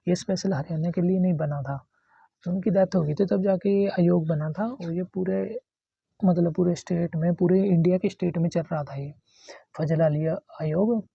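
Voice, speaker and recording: A man's voice: high voice, fairly even intonation, normal speed, gravelly, husky, no echo, highs cut off. A man teaching a casual exam-prep history lesson, explaining in a repetitive, conversational way.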